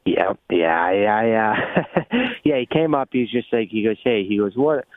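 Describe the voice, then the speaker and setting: Low-voiced rambling man on a tinny line. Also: sing-song, unhurried, no echo. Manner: rambling storyteller, restarts often. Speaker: podcast co-host. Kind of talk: casual chat.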